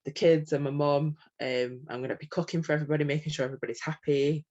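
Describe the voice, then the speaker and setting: A middle-aged woman speaking as a coaching client, searching for words with frequent ums and a halting, self-conscious manner. The sound is dull and lo-fi, like audio from a call. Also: low voice, fairly even intonation, darkish tone. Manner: hesitant, many ums, self-conscious laughs. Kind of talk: candid conversational talk.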